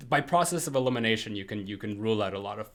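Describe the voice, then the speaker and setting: A man's voice: on the low side, expressive, rapid-fire. A man co-hosting a podcast, talking through a film in casual chat, rambling with lots of fillers and restarts. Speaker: podcast co-host.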